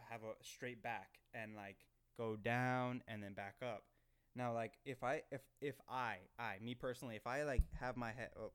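A man's voice: mid-range voice, clean tone. A young man hosting his own podcast, telling an embarrassing story in a rambling, self-conscious way at a desk microphone. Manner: rambling, self-conscious, heavy filler words and restarts. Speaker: podcast host. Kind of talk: casual storytelling monologue.

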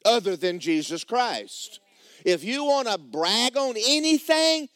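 A male pastor preaches with a fairly high voice that swings across a wide range of pitch. He draws his phrases out and lets them sink low and quiet, then jumps into loud bursts. The sound is dry and close. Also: no room sound. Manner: emphatic preaching with swooping pitch and sudden shouts; slow, drawn-out phrasing, dropping low and quiet at line ends. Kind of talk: sermon. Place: church.

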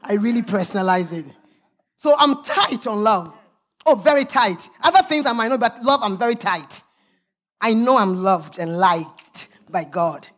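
A woman's voice: medium pitch, lively intonation, measured pace. A woman pastor preaching a sermon, reading scripture aloud with emphatic, sometimes sung, calls to the congregation.

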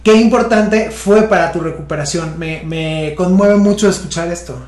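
A Mexican-accented podcast host thinks aloud in a middle-pitched voice, circling back over their words with fillers and restarts. The delivery is casual and reflective. The recording carries a noticeable room echo. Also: moderate pace, a little mellow. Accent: Mexican Spanish. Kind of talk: casual interview conversation. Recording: echoey room sound.

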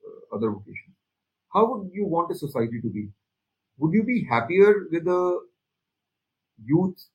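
A man with an Indian accent and a slightly husky voice speaks as a panelist in an opinionated discussion, emphatically repeating phrases to drive points home. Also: mid-range voice, poor audio.

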